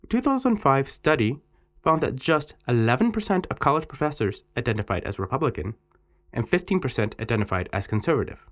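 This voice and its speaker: Guy reading an english exam passage, voice swoops up and down a lot. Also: a little fast. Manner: lively, expressive reading with pitch swings on quotes. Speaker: exam text reader. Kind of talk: reading an exam text aloud.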